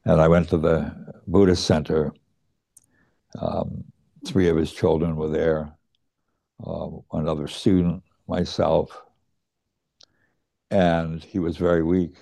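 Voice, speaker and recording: A middle-aged man slowly telling a personal story, reflective and hesitant, pausing and restarting his words. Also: rumbling low, little pitch movement, vocal fry, mellow. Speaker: student recounting his teacher's death.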